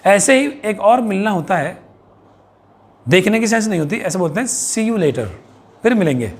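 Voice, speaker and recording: A man with an Indian accent teaching English phrases to children and parents, repeating each one slowly and asking the viewer questions. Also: high voice, animated, slightly rough. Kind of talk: bilingual vocabulary lesson for young children and parents.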